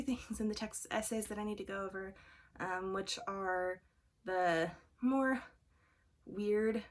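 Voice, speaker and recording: A young woman with allergy congestion and a throaty voice, chatting in a casual, rambling vlog with many fillers. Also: mid-range voice. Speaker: vlogger studying for the bar exam. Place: room at home. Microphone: camera on a fixed angle.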